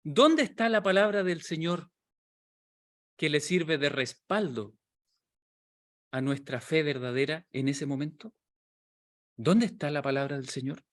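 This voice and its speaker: Guy preaching to a small group, pretty high voice, lots of questions thrown at the room, acts out the quotes. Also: a little slow, long pauses, fairly bright tone.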